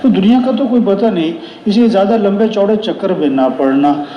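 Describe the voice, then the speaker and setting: In an echoey, reverberant room, a high-pitched male preacher speaks a little fast, offering moral counsel and stories in his sermon. He asks rhetorical questions and answers them, repeating phrases for emphasis. The recording is muffled, with slight background noise.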